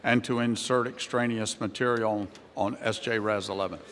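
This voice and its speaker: An Ohio congressman delivers a formal, prepared speech on the House floor, his voice on the low side, slightly bright, with fairly even intonation at normal speed. The large legislative chamber makes the recording reverberant.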